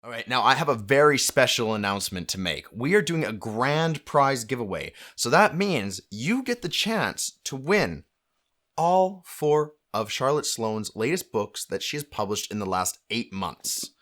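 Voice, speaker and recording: A man's voice: medium pitch, sing-song, measured pace, a bit bright. A man hosting a book launch event, making upbeat announcements. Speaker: host.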